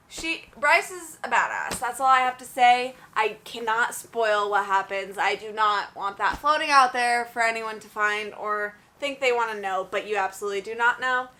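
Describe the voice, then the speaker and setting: A woman's voice: on the high side, pushed and bright. A young woman chatting casually about books in a review vlog, gushing and full of "like"s. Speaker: book reviewer.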